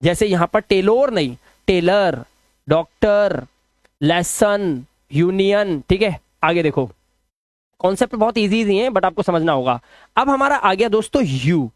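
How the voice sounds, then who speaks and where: Male tutor, high-ish voice, chatty and explanatory, dry close recording. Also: animated, dry recording. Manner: chatty, repeats example words slowly, addresses viewers as friends and sir. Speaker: English teacher. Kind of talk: spoken lesson on English spelling rules.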